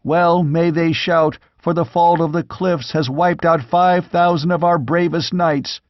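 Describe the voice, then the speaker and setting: Voicing a young squire in a storybook, a male reader shouts out a battle as it unfolds in a high, breathless, anguished voice, urgent and frantic and far above his own pitch. Even so, the intonation is fairly even and the pace unhurried, with a natural voice. The dull, lo-fi recording is dry and close, with no room sound.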